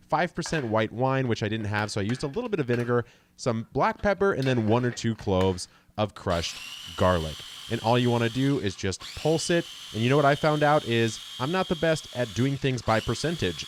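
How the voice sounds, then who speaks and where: A man hosting a gardening channel, casually talking through a recipe in a relaxed, conversational voice-over. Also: on the low side, a little hiss or hum.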